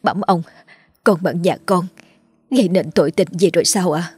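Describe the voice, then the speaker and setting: A woman's voice: lowish voice, normal speed, darkish tone, breathy edge, no room sound, faint music behind. A woman voicing a terrified peasant mother who grovels and begs for mercy. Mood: begging. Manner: begging, tearful pleading.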